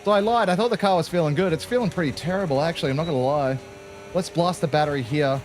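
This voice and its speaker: An Australian man commentating his own racing game run in a casual, joking way. His voice sits slightly high, and he keeps dropping in "mate". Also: quick pace, a little hiss or hum. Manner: chatty, jokey, peppered with "mate". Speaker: gaming channel host.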